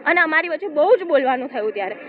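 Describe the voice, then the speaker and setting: High-voiced woman on a tinny line. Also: rapid-fire, a faint crowd. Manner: steady retelling, quotes dialogue. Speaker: complainant giving a statement. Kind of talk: first-person account of an incident. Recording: tinny phone-like audio with faint noise.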